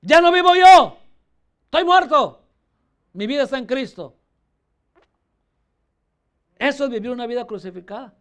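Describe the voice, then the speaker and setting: Very high-voiced fervent male preacher. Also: animated, moderate pace, pauses often, fairly bright tone, clear, resonant tone. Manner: fervent, repeatedly addressing listeners as brother. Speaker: pastor. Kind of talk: sermon.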